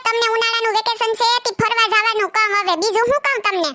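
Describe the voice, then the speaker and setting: A woman's voice: extremely high pitch, fairly even intonation, quick pace, background noise. A woman playing a nagging young wife who scolds and complains sarcastically, speaking. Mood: scolding.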